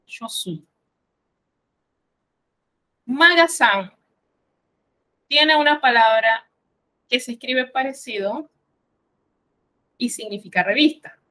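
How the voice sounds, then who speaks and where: Slow, bright-voiced woman teaching French. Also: fairly high pitch, low-quality recording. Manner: says each French word slowly, then translates it; patient, instructive explanations. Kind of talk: recorded vocabulary lesson.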